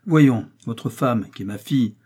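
In what sounds like an audiobook reading, a man with a dark, husky, mid-range voice plays a shrewd old village mayor from Normandy, blunt and self-assured. Unhurried and stern, he lays down the law in a gruff, lecturing manner.

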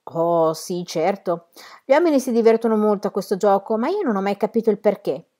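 A woman voicing a shy, lonely shopkeeper who grows lively in conversation, read from a novel. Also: medium pitch, brisk, natural voice.

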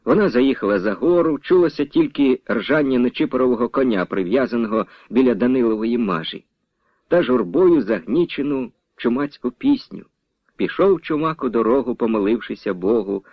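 A man narrating a literary story in a measured, expressive reading. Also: mid-range voice, breathy edge, dry recording. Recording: dull, dry old radio recording.

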